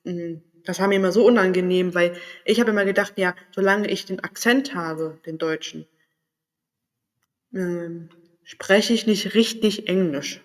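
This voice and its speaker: In this reflective vlog monologue, a Berlin-area vlogger from Germany thinks out loud and gropes for words as he goes. He has a high voice, fairly even intonation and a slightly slow pace.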